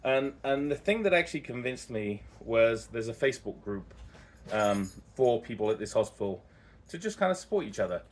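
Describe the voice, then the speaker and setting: A man's voice: mid-range voice, expressive, normal speed. A man telling his own story casually as a vlogger, candid and rambling, often correcting himself as he goes.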